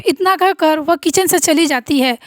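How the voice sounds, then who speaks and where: High-voiced woman telling a story. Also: normal speed, dry recording, studio quality. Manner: plain, steady retelling. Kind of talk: storybook narration.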